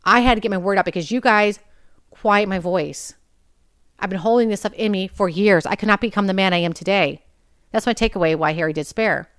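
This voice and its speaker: A woman's voice: mid-range voice, a little fast, a bit bright, clean tone, no room sound, clean studio sound. A woman in her forties hosting a personal podcast, talking in a candid, blunt way and swearing freely. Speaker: podcast host.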